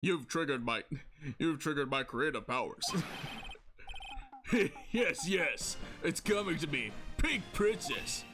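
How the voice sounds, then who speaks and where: A man puts on a flamboyant producer from a game, full of himself. The voice is drawn out and slow, swaggering like a muscle man. The pitch swings freely. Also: expressive, music in the background. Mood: grand. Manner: drawling, pompous muscle-man voice. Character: flamboyant pompous male TV producer. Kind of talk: reading game dialogue aloud.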